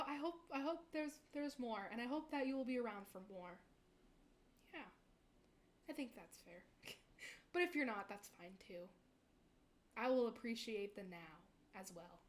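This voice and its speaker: A woman's voice: medium pitch, a little hiss or hum. A young woman VTuber chatting casually with her stream viewers, rambling and giggling often.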